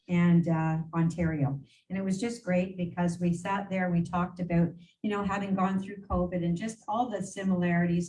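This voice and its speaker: A regional council warden, a native English speaker, gives a meeting report to mayors in a casual, unscripted way, chatting and rambling with lots of fillers and restarts. Her voice sits on the low side with a warm tone. She sounds distant, with faint room noise in the background.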